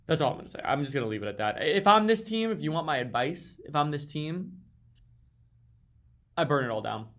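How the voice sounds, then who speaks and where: A man's voice: mid-range voice, gravelly, fairly bright tone. A man giving a casual, mock-serious rant as a league commentator, sarcastic and swearing, with sudden exasperated outbursts. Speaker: fantasy football league commentator.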